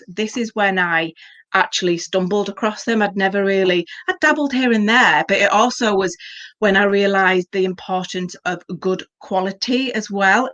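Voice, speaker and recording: A woman's voice: medium pitch, a bit bright, muffled recording. A woman host talking in a casual, chatty and personal way in a conversational interview. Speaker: host, former yoga class teacher.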